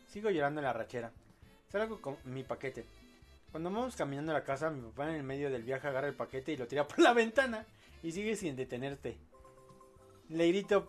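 A man hosting a casual live podcast, rambling and joking as he reads audience posts aloud. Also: fairly high pitch. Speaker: podcast host.

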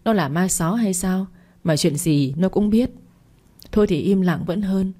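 A woman's voice: fairly low pitch, unhurried, warm tone. A woman narrator voicing a scheming, self-pitying middle-aged mother, complaining and pleading.

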